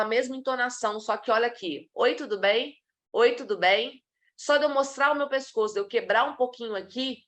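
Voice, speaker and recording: Speaking at medium pitch, a woman from Brazil gives a live talk on body language for professionals. She's animated and demonstrative, acting out examples as she goes.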